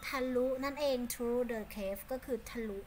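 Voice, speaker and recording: Woman, Thai accent, English teacher, praising, slow-paced, slightly high voice. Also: background noise. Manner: warm praising, switches between Thai and English, slow deliberate English. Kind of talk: online English lesson with children.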